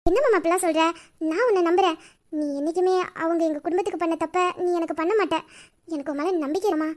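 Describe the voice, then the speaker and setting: A woman voicing a gentle, timid village girl who speaks softly and hesitantly in a drama. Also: very high voice, fast talker. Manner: soft, pleading, hesitant.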